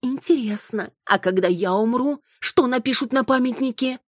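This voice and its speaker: A woman voicing a jealous, hysterical young wife who scolds her husband, shrill and close to tears. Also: normal speed, breathy edge, no echo. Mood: furious. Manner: shrill, accusing, near tears.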